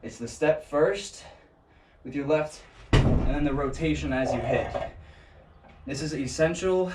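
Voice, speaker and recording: A man giving a casual martial arts lesson, joking and thinking aloud as he demonstrates, recorded on an action camera set some way off in an indoor training space. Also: mid-range voice. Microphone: action camera set at a distance. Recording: echoey room, distant camera mic, faint noise.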